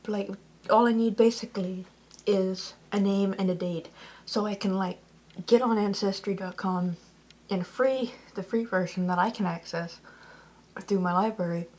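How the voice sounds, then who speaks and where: A woman's voice: mid-range voice, steady tone, measured pace, pauses often, a little mellow. A woman vlogging in a casual, rambling way, peppering her talk with "like" and correcting herself as she goes. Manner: chatty, lots of "like", self-correcting.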